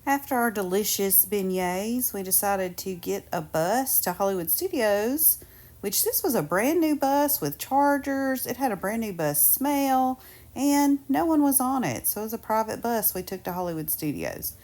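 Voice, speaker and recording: A woman's voice: fairly high pitch, expressive, moderate pace, a little mellow. A woman giving casual, upbeat vlog narration in a chatty way. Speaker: travel vlogger.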